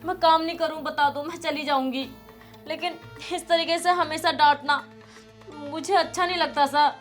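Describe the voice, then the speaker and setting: A woman's voice: high-pitched, fairly even intonation, normal speed, a bit bright, soft background music. A woman playing a humble housemaid who defends herself in a meek, pleading way. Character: humble young female housemaid, hurt but firm. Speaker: maid. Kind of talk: short film acting.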